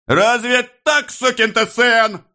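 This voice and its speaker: Screechy bully cop, shrill voice cracking into hoarse yelling, way up high. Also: male voice, takes it slowly, exaggerated voice. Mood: shrieking rage. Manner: screaming abuse, squealing in outrage. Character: shrieking, bullying police officer, middle-aged man. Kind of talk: audiobook reading.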